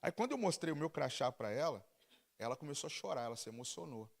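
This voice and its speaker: A male pastor with a Brazilian Portuguese accent, telling a testimony as a story during a church sermon, with animated, halting restarts. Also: mid-range voice, creaky. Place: church service.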